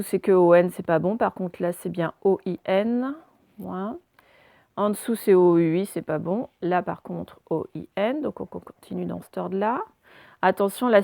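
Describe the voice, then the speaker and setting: A woman's voice: medium pitch, gravelly, darkish tone, dry recording. A woman teaching a phonics lesson to young children, patiently spelling out letters one by one.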